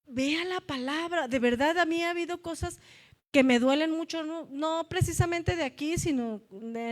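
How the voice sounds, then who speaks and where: Emotional high-voiced woman preaching. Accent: Mexican Spanish. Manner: emotional, confessional, addresses brothers and sisters. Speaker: church speaker. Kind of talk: testimony sermon. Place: church meeting room.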